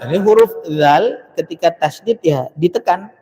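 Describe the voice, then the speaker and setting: A man teaching Quran recitation at a dawn mosque lesson, chanting verses slowly and then explaining pronunciation briskly, repeating syllables as demonstrations. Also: high voice, lively intonation, crowd noise. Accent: Indonesian. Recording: long mosque reverb.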